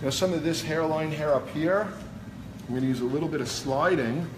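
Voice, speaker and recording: A man's voice: fairly high pitch, fairly quick. Man with a Brooklyn accent, informal hairdresser. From New York, USA. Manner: informal, explains step by step while working. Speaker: hairdresser demonstrating a cut. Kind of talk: casual live demonstration. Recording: noisy busy salon background.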